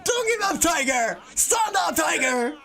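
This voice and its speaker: Woman acting out an excitable, high-pitched high school student. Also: brisk, soft background music. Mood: rousing. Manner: exclaiming, earnest. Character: excitable high school students cheering on or pleading with their teacher.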